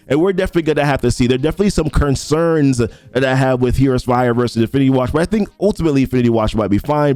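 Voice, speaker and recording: With a medium-pitched, darkish voice and no echo, a young man who makes mobile game content reads patch notes aloud. He comments casually on the update, reciting ability text and rambling with many restarts.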